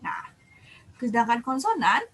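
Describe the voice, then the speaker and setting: A woman's voice: a little high, very animated, a little slow, a bit bright, slight background noise, rough recording. A woman giving a university lecture, explaining each point step by step and repeating words to show how they are pronounced.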